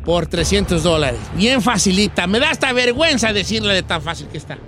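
A man's voice: sits high, animated, brisk, bright, forceful tone, slight background noise. A man voicing a joking elderly male radio host with a Mexican accent, running a call-in quiz in a folksy, teasing drawl. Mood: playful. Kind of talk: comedic radio call-in show.

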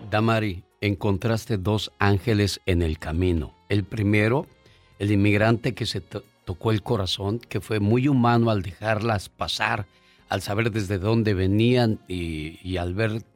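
A man cohosting a radio call-in show, calmly asking callers questions. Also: fairly low pitch, unhurried, dry recording, faint music behind. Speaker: radio host.

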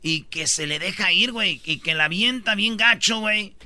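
Slangy radio host with a very bright voice. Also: male voice, high voice, normal speed, dry recording. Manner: slangy, storytelling, playful. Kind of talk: joking radio banter.

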